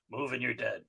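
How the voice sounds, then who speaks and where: Gravelly, bright-voiced man chatting casually. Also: mid-range voice. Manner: animated, reads comic lines aloud in funny voices. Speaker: co-host touring comic art. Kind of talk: casual chat.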